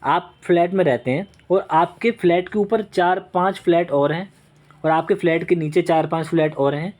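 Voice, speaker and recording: Brief: young male tutor, somewhat high voice, repetitive coaching lesson delivery. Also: normal speed, darkish tone. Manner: repetitive, checks in with "okay" and "right". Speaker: vocabulary teacher.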